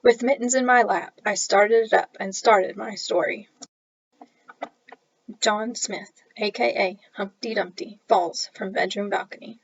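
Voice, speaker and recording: Woman author reading her story aloud, playful; gravelly voice, dull lo-fi, dry sound. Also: mid-range voice, fairly even intonation, measured pace, no echo. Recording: dull lo-fi recording.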